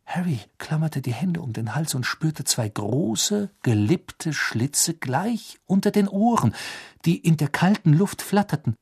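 A man reading a novel aloud as an audiobook narrator, telling the story in a lively way and voicing the characters' quotes. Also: fairly high pitch, measured pace, gravelly, breathy edge, no room sound, studio quality.

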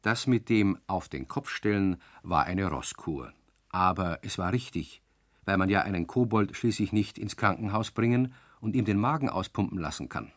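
Ein Mann erzählt ruhig und gleichmäßig eine Hörspielgeschichte. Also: male voice, sits low, normal speed, no echo, studio quality. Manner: calm, storytelling. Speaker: narrator. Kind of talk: scripted radio play narration.

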